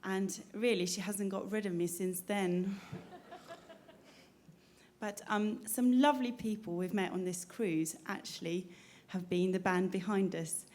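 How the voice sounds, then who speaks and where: Woman violinist, stage patter, storytelling manner, middle-pitched voice, stage mic. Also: unhurried, a little mellow, a little hiss or hum. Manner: chatty storytelling. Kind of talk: live stage patter between pieces. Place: stage on a cruise ship.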